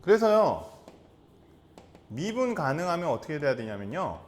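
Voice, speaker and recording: A man teaching a high school math lesson, repeating key terms and asking the class rhetorical questions. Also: big pitch swings, normal speed. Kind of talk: classroom lecture.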